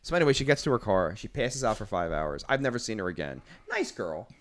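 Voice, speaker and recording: A man hosting a podcast, telling a story in casual chat, swearing a lot and acting out the quotes loudly. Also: fairly low pitch, quick pace. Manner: profane, animated, acts out quotes loudly. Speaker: podcast host.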